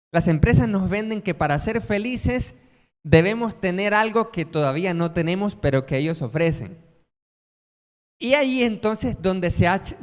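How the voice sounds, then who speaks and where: A man preaching a sermon, telling everyday stories with quoted voices and rhetorical questions. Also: high voice. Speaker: pastor. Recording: long reverb of a church hall.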